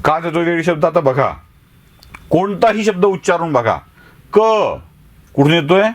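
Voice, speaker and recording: A man's voice: fairly high pitch, a little fast. A man teaching a class, who sounds out letters one by one and keeps asking the students rhetorical questions. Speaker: journalism teacher. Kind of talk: classroom lecture.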